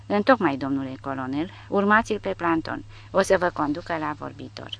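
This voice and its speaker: Kindly old prison guard in an audiobook, gentle and polite, read by a man. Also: a little high, vocal fry, dull audio.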